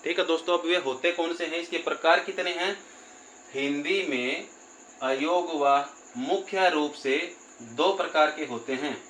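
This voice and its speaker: Echoey, slightly high-voiced male teacher. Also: a bit bright. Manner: repeats points, often says "theek hai" and "doston"; slows down to spell out word parts. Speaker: Hindi grammar teacher. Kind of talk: whiteboard grammar lesson. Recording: echoey room with faint background noise.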